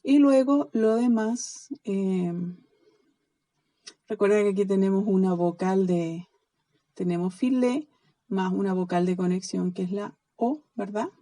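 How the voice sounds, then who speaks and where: A woman's voice: mid-range voice, measured pace, mellow, no room sound, rough recording. A Chilean woman teaching a recorded online lesson, drilling word endings one by one and checking often that students follow. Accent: Chilean Spanish. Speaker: biblical Greek teacher.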